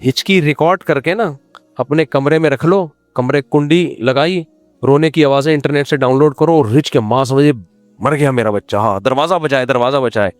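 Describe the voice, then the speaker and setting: A man's voice: a little high, dry recording. Man, religious scholar, humorous and teasing q-and-a talk, dry close sound, faint music underneath. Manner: humorous, teasing, acts out quoted pleas. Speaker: religious scholar answering questions. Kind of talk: question-and-answer religious talk.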